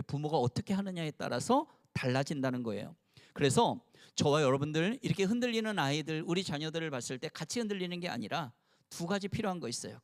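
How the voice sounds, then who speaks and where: A pastor in his sixties preaching to mothers in a church, playful and having the audience repeat phrases after him. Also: a little high. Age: 60s. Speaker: pastor and longtime teacher. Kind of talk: sermon to a mothers' gathering. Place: church, before a live audience.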